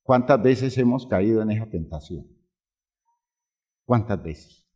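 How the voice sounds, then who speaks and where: A man's voice: on the low side, expressive, takes it slowly, darkish tone. A man preaching a sermon as a pastor, drawing out phrases for emphasis and asking the congregation rhetorical questions.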